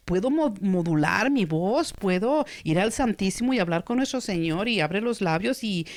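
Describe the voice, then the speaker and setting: A woman psychotherapist speaks in a calm, measured teaching voice at a middle pitch. She is recorded close and dry, with no room sound at all. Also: dry recording. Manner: calm, measured, with playful acted quotes.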